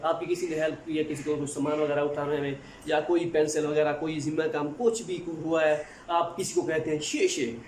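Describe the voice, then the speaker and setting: A man with a Pakistani Urdu accent teaching a recorded language lesson, patiently repeating each word slowly, recorded in an echoey room. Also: fairly high pitch, a little mellow. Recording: echoey room with faint noise.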